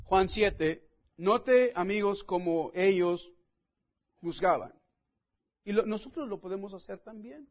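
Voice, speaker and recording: A man's voice: high-pitched, slow pace, long pauses, muffled recording. A man preaching a sermon and reading scripture aloud, earnest and emphatic, often calling his listeners friends. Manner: emphatic, stresses key words.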